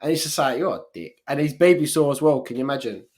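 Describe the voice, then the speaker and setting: A man's voice: medium pitch, fast, a little mellow. A man co-hosting a podcast in casual chat, blunt and slangy. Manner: blunt, slangy, drops into mock voices. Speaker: podcast co-host.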